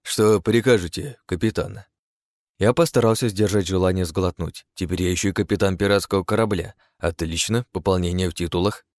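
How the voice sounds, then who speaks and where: Low-voiced wry male narrator. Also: steady tone, fast, few pauses, darkish tone, dry recording, studio quality. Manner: wry, sardonic asides. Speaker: audiobook narrator. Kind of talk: first-person fantasy narration.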